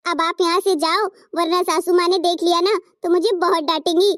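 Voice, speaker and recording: A patient, soft-spoken young daughter-in-law in a cartoon family drama, as a woman acts her out. She speaks very high and gently, giving advice. The recording is close and dry. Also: fairly even intonation, brisk, no echo. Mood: gentle. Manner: gentle, advising. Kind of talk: cartoon story voice acting.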